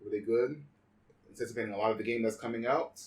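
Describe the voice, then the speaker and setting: A man's voice: medium pitch, quick pace. A man co-hosting a casual podcast, dropping dry, short quips. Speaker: podcast co-host. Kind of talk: casual chat. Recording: distant mic.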